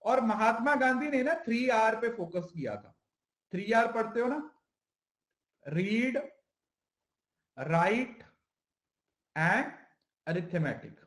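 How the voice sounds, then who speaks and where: A man gives an exam-prep lecture in a high voice, mixing Hindi with English terms. He asks his listeners questions, answers them himself and repeats each key term. The room around him echoes noticeably. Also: lively intonation, slow pace, long pauses, a bit bright. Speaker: teacher.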